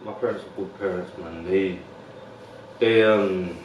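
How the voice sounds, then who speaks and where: London man, low voice, relaxed slang-heavy guest, distant echoey recording. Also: a little slow, dull audio, slight background noise. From West London. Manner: laid-back street slang, many fillers. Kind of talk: casual interview.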